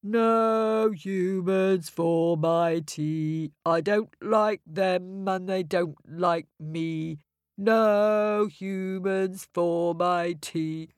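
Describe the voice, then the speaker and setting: A woman voicing a grumpy, sick male giant in a storybook tale, moaning slowly and sulkily. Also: medium pitch, animated, a little mellow, dry recording, studio quality, soft background music. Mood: sulky. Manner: slow, sulky, sing-song moaning.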